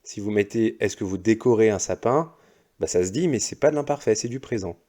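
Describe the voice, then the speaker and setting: A male primary school teacher going over exercise answers slowly and patiently, one step at a time. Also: mid-range voice, warm tone. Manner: slow, patient, explains step by step. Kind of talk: recorded lesson correcting exercises.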